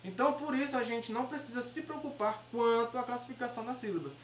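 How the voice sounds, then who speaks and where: Soft music plays behind a fast-talking woman with a fairly high voice and a Brazilian Portuguese accent. She's giving a step-by-step grammar lesson for exam prep, pausing to check in with "beleza?" and "certo?" The recording is echoey, with her voice well off the mic.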